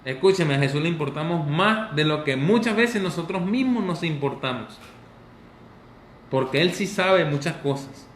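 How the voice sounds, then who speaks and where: Animated pastor preaching. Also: male voice, fairly high pitch, moderate pace, slight background noise. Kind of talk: sermon. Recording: echoey room with faint ambience.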